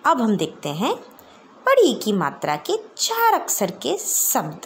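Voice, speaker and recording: A woman's voice: a little high, huge pitch swings, a little hiss or hum. A woman Hindi teacher giving an online lesson to young children, stretching out sounds and asking them if they understand. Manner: slow, drawn-out sounding of words, coaxing questions to children.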